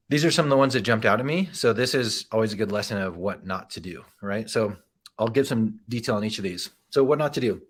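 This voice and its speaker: Low-voiced man giving a casual business talk. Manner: casual, frequent "right?" and "um" asides. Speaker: presenter and accounting firm owner. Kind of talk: conversational educational presentation.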